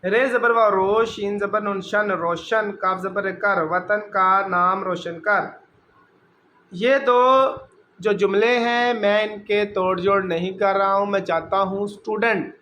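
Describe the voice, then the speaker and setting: A man teaching Urdu reading, sounding out letters and vowel marks syllable by syllable in a patient, slow lesson style, with a Pakistani Urdu accent. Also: high voice, steady tone, sharp tone, slight background noise.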